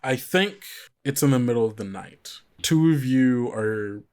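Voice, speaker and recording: A male game master guides a tabletop roleplaying game, narrating in an easygoing, improvised, conversational manner. His mid-range voice is unhurried and a little mellow, set against plucked guitar music.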